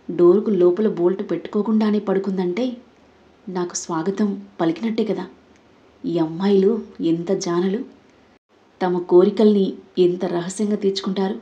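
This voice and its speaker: Mellow-voiced woman narrating a story. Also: mid-range voice, dull audio.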